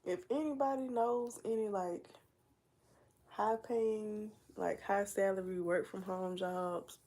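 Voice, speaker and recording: A livestream host, a young woman with a cold-stuffed nose, rambles casually in a warm, medium-pitched voice at a slow pace. Her chat meanders, packed with fillers and asides.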